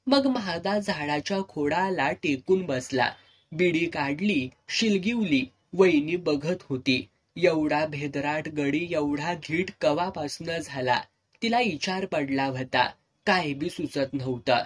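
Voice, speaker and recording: A man's voice: on the high side, takes it slowly, slightly rough. A man narrating a serialized village novel in earthy, vivid dialect. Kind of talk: storytelling narration.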